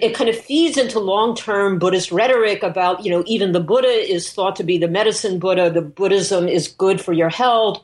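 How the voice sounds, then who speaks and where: Lower-pitched woman, discursive scholar. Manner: discursive, thinking aloud with self-corrections. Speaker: interviewed scholar and author. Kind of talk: unscripted scholarly explanation in an interview.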